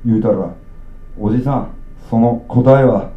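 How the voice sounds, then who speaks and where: A man with an Okayama accent voicing a gruff, drunk middle-aged uncle who rants bluntly at a child in rough dialect. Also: mid-range voice, a little slow, echoey room, narrow, tinny audio, close to an everyday voice. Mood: rambling.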